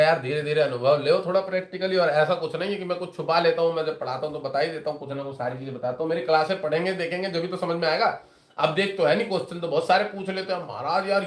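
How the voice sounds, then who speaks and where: Chatty high-voiced male astrologer, echoey room. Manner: chatty, rambling, retells conversations with students. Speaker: astrologer and teacher. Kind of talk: casual lecture to viewers.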